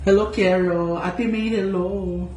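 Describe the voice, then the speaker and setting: A man's voice: a little high, a little slow, over music. A man hosting a casual livestream, reading out viewer comments with playful, teasing jokes. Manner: playful and teasing, joking asides. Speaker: vlogger reading live comments. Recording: echoey room with faint noise.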